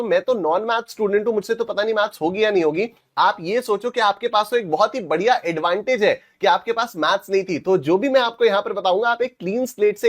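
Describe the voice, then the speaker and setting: A young man teaching a live online class, energetic and playful, teasing students and mixing in English phrases. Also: high voice. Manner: mixes Hindi and English.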